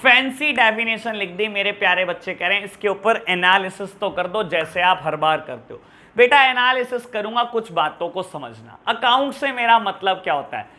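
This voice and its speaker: A man teaching an online accounts class, talking to his students in a fatherly way and repeating key terms as his voice swings between loud and soft. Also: sits high, lively intonation, normal speed. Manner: fatherly, calls students beta and pyare bachhon.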